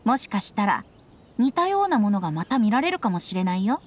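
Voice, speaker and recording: Speaking fairly quickly in a natural, very animated, medium-pitched voice, a woman acts out a playful, carefree teenage boy bard for an anime-style game. Her delivery is breezy and self-admiring, recorded against a noisy background.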